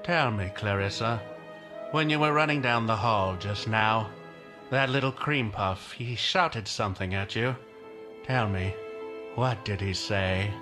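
An actor playing a smug, menacing killer gingerbread cookie man in a film clip, taunting in a slow, suave way. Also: on the low side, close to an everyday voice. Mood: silky taunting. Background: film score music.

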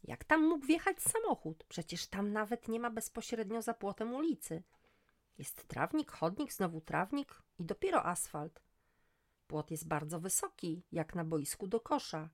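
A middle-aged woman reading a first-person story aloud, lifting her voice for the dialogue. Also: a little slow. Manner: voices dialogue with lively rises in pitch. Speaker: audiobook narrator. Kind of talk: first-person audiobook narration.

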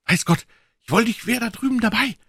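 A man reading aloud, voicing an excited young boy full of wide-eyed wishes in a storybook. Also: high-pitched, moderate pace, husky, no room sound, clean studio sound, pitched above the performer's own voice. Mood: eager. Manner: eager, wide-eyed, wishful.

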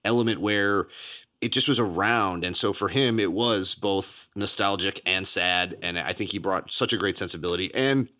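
Man, podcast co-host, casual film chat, bright tone, quick laughs. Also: sits low. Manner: laughs often, animated bursts.

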